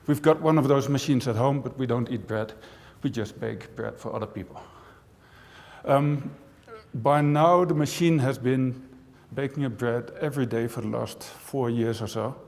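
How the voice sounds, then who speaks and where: At a medium pitch and moderate pace, a man with a darkish tone addresses a conference crowd. He is a Dutch-raised university professor whose conversational talk is dotted with dry jokes and frequent asides. Long reverb from the large auditorium surrounds his voice.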